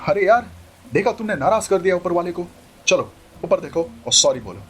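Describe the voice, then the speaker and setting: A man's voice: sits high, very animated, moderate pace, a little hiss or hum. A man voicing an easygoing young man who teases and jokes in an offhand manner. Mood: teasing. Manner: teasing, joking, offhand.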